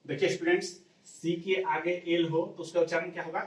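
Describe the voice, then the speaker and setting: A man with a somewhat high voice leads a classroom lesson on pronunciation. He repeats each rule, asks the students what it is, and then answers himself. His voice sounds distant and bounces around an echoey room. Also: little pitch movement, a little fast. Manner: repetitive question-and-answer drilling. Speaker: English pronunciation teacher.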